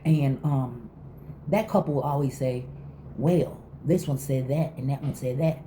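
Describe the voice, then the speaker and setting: A woman's voice: very deep voice, measured pace, mellow. A middle-aged woman vlogger chatting casually and candidly to viewers, emphatic, repeating phrases and acting out quotes. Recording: faint background noise.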